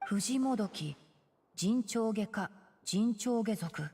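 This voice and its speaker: Tighnari, a lively, reverberant young botanist. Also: female voice, mid-range voice, measured pace, breathy edge. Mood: studious. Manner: precise, matter-of-fact, gently scolding. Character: young male fox-eared botanist, bookish, composed, mildly exasperated. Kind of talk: Japanese video game voice acting. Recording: long reverb, game music behind.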